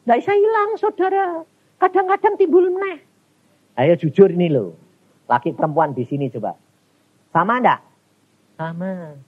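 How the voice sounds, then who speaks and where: This is a man preaching. His husky, raised voice climbs to sharp exclamations and drops to near murmurs as he questions his congregation. The recording sounds dull and lo-fi. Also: normal speed, pauses often. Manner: animated, swings between high exclaims and low murmurs, addresses congregation directly. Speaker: evangelist preacher. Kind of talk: sermon.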